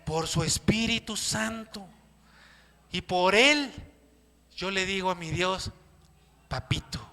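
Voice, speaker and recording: A Mexican pastor preaches with a strikingly high, bright voice that rings through a reverberant church hall. He acts out little scenes and questions his congregation as he goes. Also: takes it slowly, vocal fry, pauses often. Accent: Mexican Spanish. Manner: animated preaching with acted-out quotes and questions to the congregation. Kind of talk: sermon.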